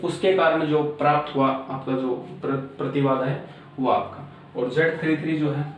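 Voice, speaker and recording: A man's voice: fairly high pitch, fairly even intonation, moderate pace. Man lecturing in a very echoey room. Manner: repetitive filler-laden explaining, frequent "aapka". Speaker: teacher. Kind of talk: classroom lecture at a board. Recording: very echoey room, mic far off, faint noise.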